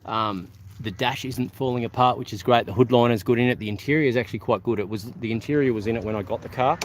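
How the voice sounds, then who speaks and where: A man's voice: mid-range voice, fast talker, slight background noise, poor audio. A man with an Australian accent, live-streaming casual chat to viewers at an outdoor car show, rambling with lots of ums and restarts.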